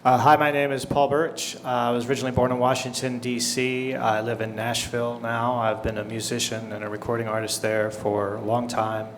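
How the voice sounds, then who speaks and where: Flat-voiced man speaking on a panel. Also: mid-range voice, fairly quick, hardly any pauses, a little hiss or hum. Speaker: author and musician. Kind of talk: panel talk. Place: book festival panel room.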